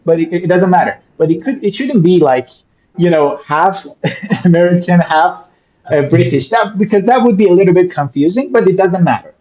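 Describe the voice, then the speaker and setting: Fairly high-voiced young man. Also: normal speed, a little mellow, muffled recording. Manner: hesitant, lots of "you know" and fillers. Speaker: exam-prep instructor. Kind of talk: webinar explanation.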